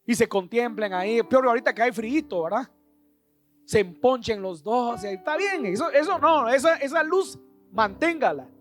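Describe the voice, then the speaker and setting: A Guatemalan pastor delivers a Sunday sermon, urging his congregation to repeat his words after him. His voice is very high and expressive, moving at a normal speed. Soft music plays in the background.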